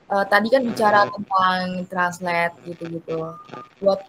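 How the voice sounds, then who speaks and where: A woman's voice: lowish voice, fairly bright tone, slight background noise, rough recording. A young woman hosting a casual podcast, chatty and friendly as she asks questions. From Indonesia. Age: young adult. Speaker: podcast host.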